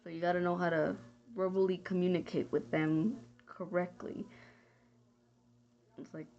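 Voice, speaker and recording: A woman's voice: on the low side, little pitch movement, moderate pace, mellow. A young woman from Texas giving a casual, rambling spoken answer for a class, often hunting for words and trailing off. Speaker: student. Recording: dull lo-fi home recording.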